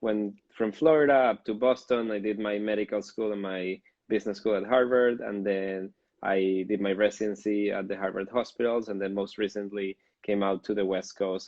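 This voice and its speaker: A man in his thirties from Venezuela, a fertility doctor answering interview questions in a thoughtful, measured way. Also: fairly low pitch, steady tone, a little mellow, dry recording, dull audio. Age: 30s. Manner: thoughtful, measured explaining with fillers.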